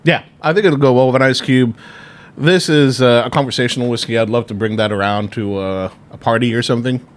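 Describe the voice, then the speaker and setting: A man's voice: medium pitch, fairly even intonation, brisk. A man as a guest reviewer on a casual whiskey podcast, easygoing as he reads out tasting notes.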